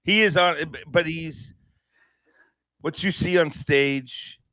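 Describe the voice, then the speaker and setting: A man's voice: on the high side, takes it slowly, sharp tone, no room sound. Chatty male podcast host, dry sound. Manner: chatty, laughs easily, trailing restarts. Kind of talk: casual podcast chat.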